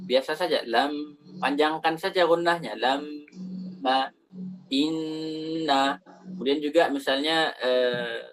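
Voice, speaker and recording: A man's voice: fairly high pitch, rough recording. Indonesian man teaching Quran recitation. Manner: reads Arabic lines then explains them slowly, with many fillers. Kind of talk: tajwid lesson explaining an Arabic text.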